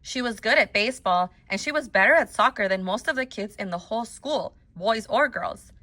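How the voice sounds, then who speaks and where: Her voice a little high, a woman teacher reads a children's story aloud, expressive and intentional in where she puts her emphasis.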